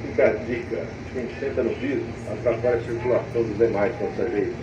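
A man giving a brisk passenger advisory over a commuter train's intercom. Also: steady tone, reverberant. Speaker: train safety announcer. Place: inside a moving commuter train. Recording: muffled distant loudspeaker with loud train noise. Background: train rumble and vehicle noise.

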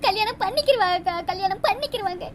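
A woman's voice: extremely high pitch, expressive, quick pace, noisy background. A woman voicing a tearful, lovesick young sister in a cartoon, crying and pleading, with a southern Tamil Nadu accent. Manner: pleading, sobbing. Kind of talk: cartoon voice acting.

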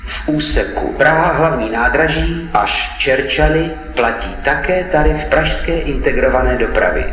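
A man reading a formal station announcement in a measured, segmented way as a railway announcer. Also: a little high, over music. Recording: echoey hall, long reverb.

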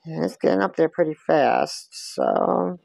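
A home cook chats casually while stirring, taking viewers through a recipe step by step in her kitchen. Her voice is low, creaky, and darkish, a little slow, recorded without echo by a camera on the counter.

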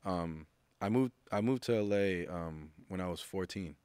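With a low, darkish, clean voice at a normal speed, a U.S. music producer in his thirties talks on a studio podcast. It's a laid-back, rambling interview chat, with restarts and quotes he acts out. His studio mic and headphones leave no echo.

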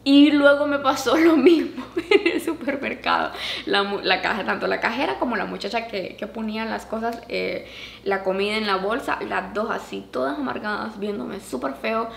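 A woman vlogger and mother telling a story casually to her viewers, animated, with a higher pitch whenever she acts out what others said. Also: moderate pace, gravelly. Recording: echoey room with faint background noise.

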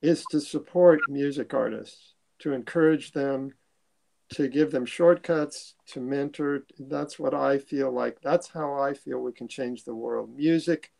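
Older guy on a podcast, gravelly, means every word, lots of "and, and". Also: mid-range voice, unhurried, mellow, low-quality recording. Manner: earnest, repeats words when starting sentences. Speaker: guest, musician. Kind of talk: casual interview chat.

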